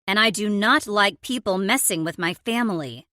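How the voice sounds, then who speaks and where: A woman voicing a calm, firm woman in her forties who runs a sports team, in an audiobook. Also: medium pitch, normal speed, no echo, clean studio sound, natural voice. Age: 40s.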